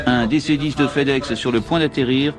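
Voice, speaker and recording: A man's voice: mid-range voice, steady tone, a little fast. A man giving dramatic scripted narration for a documentary. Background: music.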